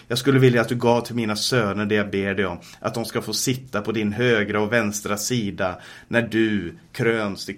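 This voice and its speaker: Low-voiced Swedish preacher teaching scripture. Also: male voice, a bit bright. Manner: reads scripture aloud, then explains it with many fillers and restarts. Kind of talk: sermon teaching.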